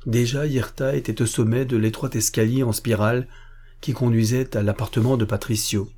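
Husky low-voiced male narrator. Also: warm tone. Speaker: audiobook narrator. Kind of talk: scripted narration of a novel.

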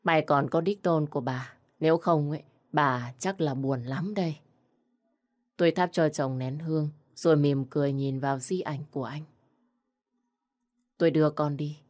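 Low-voiced woman narrating a sad story. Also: steady tone, moderate pace, a little mellow, no room sound, clean studio sound.

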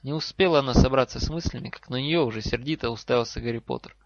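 Мужчина спокойно и ровно читает повествование аудиокниги; запись немного глуховатая. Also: male voice, medium pitch, fast talker, dry recording. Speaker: audiobook reader. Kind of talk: fan audiobook narration. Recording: slightly dull lo-fi recording.

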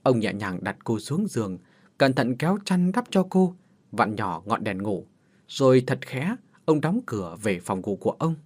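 A man's voice: mid-range voice, very animated, normal speed, a little mellow. A man narrating a horror story in a dramatic, suspenseful scripted manner. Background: faint music.

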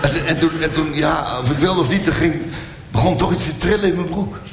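A man's voice: on the high side, fairly quick, music in the background, crowd noise. A man doing live stand-up storytelling, rambling with stammered repeats and crude punchlines. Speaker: stand-up comedian. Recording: echoey hall, loud audience laughter.

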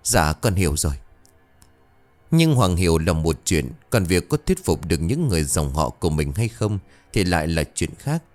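Deep-voiced man telling a ghost story. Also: very animated, normal speed, darkish tone, soft background music.

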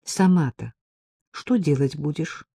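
A woman reading the part of a timid young woman who hesitantly, apologetically asks a friend for a favor, in a soft, husky, dry voice. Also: low-pitched, lively intonation, slow, no echo, full character voice. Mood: instructing.

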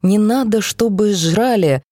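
A woman's voice: medium pitch, measured pace, dark tone, no room sound, clean studio sound, voice pushed up, natural voice. A woman reading the part of a young one-armed girl who pleads and speaks through tears. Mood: pleading.

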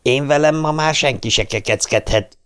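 A man's voice: medium pitch, smooth, voice pushed up, natural voice. A man doing a snarling teen bully. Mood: menacing. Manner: shouting, menacing. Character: brutal bully teen boy, snarling threats.

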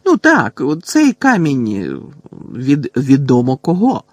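A man voicing a clumsy, excitable schoolboy in an audiobook. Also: medium pitch, takes it slowly, dry recording, heavily acted. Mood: excited.

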